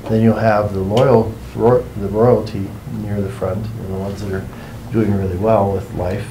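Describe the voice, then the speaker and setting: A man leading a workshop, explaining things to a group in an informal, meandering and unhurried way. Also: fairly low pitch, little pitch movement, noisy background. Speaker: workshop facilitator.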